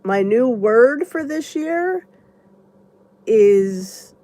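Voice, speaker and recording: She draws out her words in a dark-toned, expressive voice on the high side, recorded dry. Congested and chatty, the woman vlogger rambles and thinks aloud as she replies to viewers' comments in a casual live chat.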